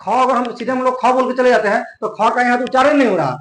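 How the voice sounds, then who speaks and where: A man's voice: extremely high pitch, fast, fairly bright tone, echoey room, poor audio. A young man teaching an online grammar lesson, explaining step by step and repeating points often.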